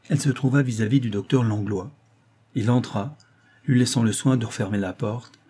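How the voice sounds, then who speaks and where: Low, husky male audiobook narrator. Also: mellow. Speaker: audiobook reader.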